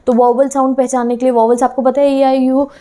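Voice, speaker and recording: A woman's voice: high voice, flat delivery, quick pace, mellow. A woman teacher explaining lessons in an online class. She mixes in English terms, asks her students questions and keeps checking that they follow. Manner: keeps checking in with "theek hai".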